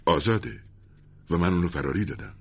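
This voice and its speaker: A noble young commander who speaks calmly and firmly, as a man reads him. The voice is low and husky on a dull, lo-fi storybook recording. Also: exaggerated voice. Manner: calm, resolute.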